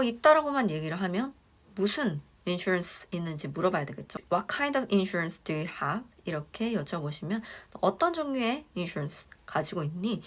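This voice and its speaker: A woman teaching English phrases for a dental clinic front desk, explaining step by step and slowing down for each English phrase. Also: on the low side, husky. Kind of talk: spoken lesson.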